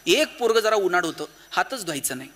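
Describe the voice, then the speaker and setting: Animated high-voiced man preaching. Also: quick pace. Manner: animated, swings from loud exhortation to low emphasis; acts out quoted voices in anecdotes. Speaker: motivational speaker. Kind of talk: kirtan-style motivational talk.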